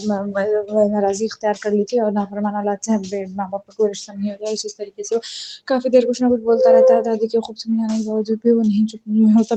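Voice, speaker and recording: A woman's voice: mid-range voice, mellow, a little hiss or hum. A woman giving a casual spoken retelling of a TV drama episode, quoting the characters' lines in her own voice as she goes. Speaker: drama recap reviewer.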